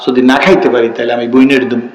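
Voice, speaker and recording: A man's voice: mid-range voice, fairly even intonation, fast, a little hiss or hum, voice pushed down, natural voice. Preacher man doing a sly little madrasa boy, whiny innocent act, echoey pa sound. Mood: mock-innocent.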